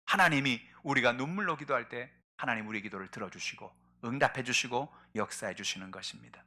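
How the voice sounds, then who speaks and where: A man preaching a sermon as pastor, asking rhetorical questions and swinging between hushed and loud passages. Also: medium pitch, brisk.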